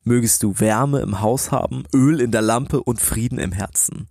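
A man's voice: medium pitch, normal speed, vocal fry, a little mellow, no echo, clean studio sound. A man co-hosting a podcast, telling stories in a conversational style. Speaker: podcast co-host.

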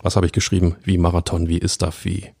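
Deep dark-voiced man talking football. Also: little pitch movement, fast talker, vocal fry, breathy edge, no room sound, studio quality. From Berlin. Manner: emphatic, colloquial, addresses listeners directly. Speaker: football pundit. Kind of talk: casual football podcast chat.

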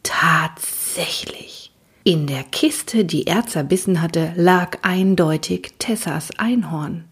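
A woman reads a children's story aloud in a soft, half-whispered way. Her voice sits a little low and breathy, and she takes her time over every line. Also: slow. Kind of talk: reading a children's book aloud.

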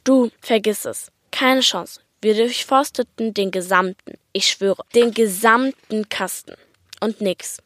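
A woman's voice: mid-range voice, slow pace, a bit bright, no echo. Woman reading austrian dad voice, laid-back, dry ironic jokes, close dry sound. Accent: Austrian German. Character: easygoing dry-humored father.

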